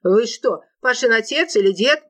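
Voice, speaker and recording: A woman's voice: fairly high pitch, expressive, moderate pace, a bit bright, pitched above the performer's own voice. A woman voicing a spoiled young man in an audiobook, plaintive and whining. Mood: indignant. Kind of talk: audiobook narration.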